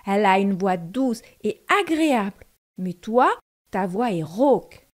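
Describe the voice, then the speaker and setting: A woman voicing a group of young goat kids in a storybook, firm and loud in their refusals. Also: medium pitch, big pitch swings, unhurried. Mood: defiant. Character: seven little goat kids, young, defiant.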